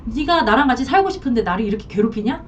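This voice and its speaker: A woman's voice: expressive, racing, natural voice. A woman voicing a defensive cheating husband. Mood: exasperated. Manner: evasive, pleading, exasperated. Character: defensive cheating husband, middle-aged man. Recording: slightly distant, dull lo-fi, faint rumble.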